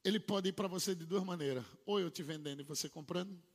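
A man preaching a sermon, swinging between low murmured asides and loud shouted proclamations. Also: quick pace. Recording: long hall reverb.

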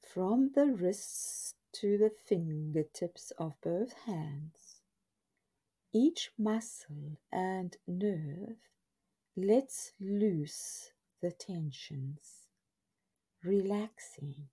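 A woman narrates a scripted guided relaxation in a soft, breathy half-whisper, soothing and hushed, with drawn-out phrases and pauses. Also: fairly low pitch, animated.

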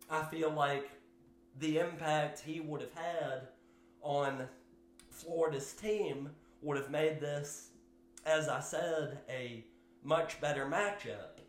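A man hosting his own sports podcast, giving solo commentary in a slow, measured way with fillers and hedges. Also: fairly high pitch, roomy sound, a little hiss or hum. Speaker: podcast host.

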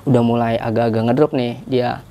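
A man's voice: medium pitch, little pitch movement, a little fast, warm tone. A young man casually telling a story as a podcast guest, rambling along and tagging his sentences with fillers. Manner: chatty, rambling, with many filler tags.

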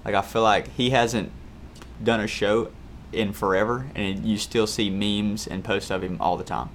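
A man's voice: on the low side, steady tone, normal speed. A man hosting a podcast, chatting casually and laid-back. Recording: faint background noise.

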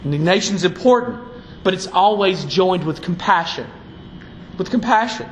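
A man's voice: high-pitched, moderate pace, roomy sound, slight background noise, rough recording. A man preaching a sermon from the pulpit, fiery and emphatic. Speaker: pastor. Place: church sanctuary.

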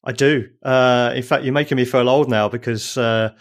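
A man's voice: medium pitch, fairly even intonation, moderate pace. A man with a southern English accent, chatting casually as a podcast co-host. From south of England. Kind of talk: casual chat.

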